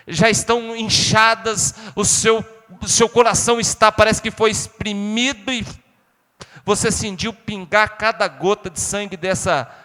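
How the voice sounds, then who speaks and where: High-voiced preaching pastor in a reverberant church. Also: male voice, clear, resonant tone. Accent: Brazilian Portuguese, São Paulo state. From Brazil. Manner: preaching with dramatic swings between loud calls and hushed lines; addresses the congregation directly and asks them to repeat. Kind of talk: sermon. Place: church sanctuary.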